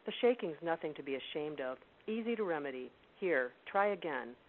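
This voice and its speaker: A woman's voice: deep voice, animated, fairly quick. A woman voicing an elderly male Welsh wizard in a storybook reading, knowing and confiding, over a tinny phone line with hiss.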